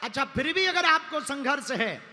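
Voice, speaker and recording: High, bright-voiced male preacher. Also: moderate pace. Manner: animated and rhythmic, sometimes singing verses. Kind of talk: sermon with storytelling. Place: large religious gathering. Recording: echoey hall with music.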